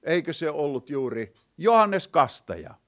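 Dramatic male preacher with a lively voice. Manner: dramatic, swinging between loud declaiming and hushed low passages; slows down to read scripture quotes. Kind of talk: sermon to a live congregation.

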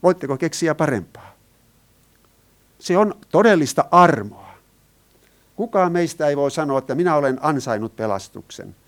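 A man's voice: a little high, lively intonation, long pauses. A man preaching a sermon, stressing his points and putting rhetorical questions to the congregation. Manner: asks the listeners rhetorical questions, rises and falls in emphasis.

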